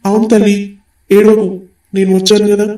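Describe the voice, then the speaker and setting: A man's voice: sits high, completely flat delivery, brisk, dark tone, echoey room, far from the mic, close to an everyday voice. A man voicing a kindly male god in a cartoon who reassures a devotee in a fatherly tone. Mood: soothing.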